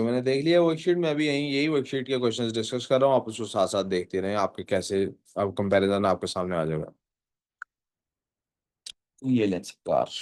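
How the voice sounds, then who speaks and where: A man teaching a physics class. He reads questions out in English, explains them in Urdu and keeps quizzing his students. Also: fairly high pitch. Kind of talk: classroom lecture.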